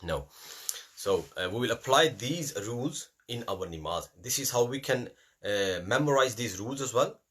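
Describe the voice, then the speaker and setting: Husky, bright-toned male Qur'an teacher. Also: mid-range voice, lively intonation, normal speed. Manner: repetitive, drills letters aloud, mixes in Urdu phrases. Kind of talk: classroom lesson.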